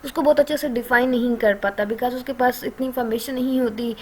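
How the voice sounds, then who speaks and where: A woman with a Pakistani accent talks through a course lecture in a relaxed, conversational way. Her voice sits a little high, and she often pauses on fillers and checks in with her listeners as she explains. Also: a little hiss or hum. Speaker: online lecturer.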